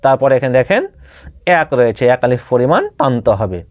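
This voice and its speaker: In this step-by-step lesson, a male Quran reading teacher with a Bengali accent shows how to sound out Arabic letters, patiently repeating each one and quizzing the listener. His mid-range voice is fairly quick and a little mellow, captured in studio quality with no room sound.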